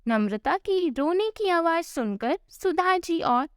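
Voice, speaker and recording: A woman narrating a scripted family story in a slow, expressive storytelling manner. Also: very high-pitched, no room sound, clean studio sound.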